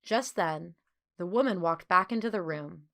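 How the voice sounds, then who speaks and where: With clear phrasing and expressive delivery, a woman reads a children's story as an audiobook narrator. She speaks in a lower register at a moderate pace.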